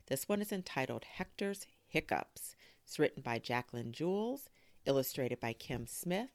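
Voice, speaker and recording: A woman hosting a storytime, reading a children's book aloud in an expressive, animated way. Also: a bass voice, dry recording. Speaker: storyteller host.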